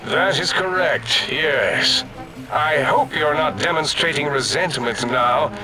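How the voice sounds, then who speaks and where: Casting: imperious robotic brain scientist for a game, grandiose and bossy delivery, highish register, over prominent music. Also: male voice, slow, low-quality recording. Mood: urgent, imperious. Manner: pompous, declamatory, imperious. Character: pompous, domineering male robot-bodied brain scientist. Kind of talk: theatrical video game voice acting. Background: loud music.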